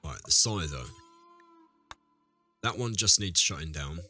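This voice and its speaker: A man talks casually over a game while ill, his very deep voice still cutting through with a bright, forceful edge. He rambles and corrects himself mid-sentence, often turning to address viewers. Faint music plays behind him. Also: expressive, unhurried. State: ill, deeper voice than usual. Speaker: let's play host. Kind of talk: casual gameplay commentary.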